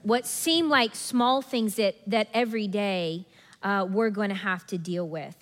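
A woman preaching a sermon in a lively, conversational way, often acting out people's inner thoughts. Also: medium pitch, measured pace. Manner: animated, acts out congregation's inner voices with laughs. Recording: long hall reverb.

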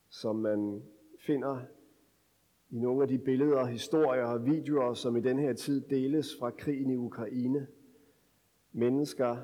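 A male pastor giving a scripture reading and sermon with a measured, solemn delivery. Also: medium pitch, mellow. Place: church. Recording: long church reverb.

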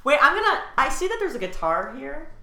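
A woman's voice: high-pitched, big pitch swings, fairly quick, pushed and bright, reverberant. A woman co-hosting a comedy podcast, reading fan fiction aloud and bantering, often breaking into giggles. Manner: giggly, playful, breaks into laughter.

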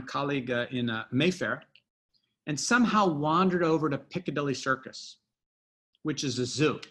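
His voice is a little high with a fairly bright tone. A middle-aged man in a casual interview works through a personal story as a guest, meandering with fillers and restarts.

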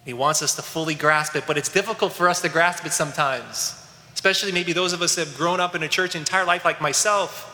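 Earnest priest, bright voice in a church. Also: male voice, a little high, fairly quick, roomy sound, big-room sound. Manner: storytelling, earnest and emotional. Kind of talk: sermon.

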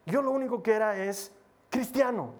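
A man's voice: sits high, expressive, moderate pace, a little mellow. A male preacher exhorting his congregation, illustrating his sermon with personal stories. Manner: exhorting, storytelling with mimicry.

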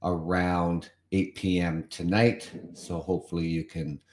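The roomy-sounding recording features a Canadian man hosting his own podcast, commenting chattily on an article he reads and repeating himself now and then. His voice sits low with a darkish tone, little pitch movement and an unhurried pace.

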